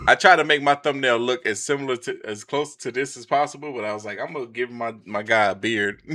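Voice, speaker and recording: A man's voice: mid-range voice, brisk, sharp tone. A man livestreaming casual, slangy, incredulous reactions to videos, often repeating his phrases. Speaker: live streamer reacting to videos. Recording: music playing behind the voice.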